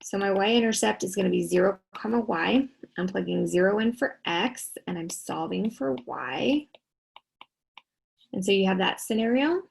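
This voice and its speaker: Gravelly tired woman teaching math. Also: medium pitch, normal speed, slight background noise, low-quality recording. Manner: talks students through each step, asking and answering her own questions. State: tired, yawning. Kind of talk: recorded classroom lesson.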